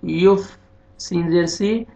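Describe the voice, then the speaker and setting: A man leads a beginners' Quran reading lesson at a deliberately slow pace, sounding out each letter and vowel mark in turn. Between the drills he drops into quicker, softer asides on the rules. The recording sounds dull and lo-fi, like online class audio. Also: high-pitched, vocal fry. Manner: spells letters and vowels slowly, then explains rules in quicker, quieter asides. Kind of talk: slow spelled-out recitation lesson.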